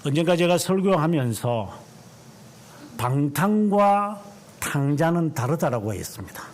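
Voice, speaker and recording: A man over fifty, a pastor delivering a sermon in church, emphatic and drawing out key words slowly. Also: fairly high pitch, sing-song, a little hiss or hum.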